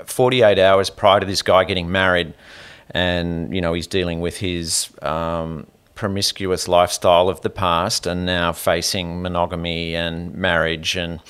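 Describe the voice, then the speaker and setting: A man hosting a podcast interview, telling a story in an animated, rambling way with restarts and trailing asides. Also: low voice, measured pace, clear, resonant tone. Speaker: podcast host. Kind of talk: conversational interview.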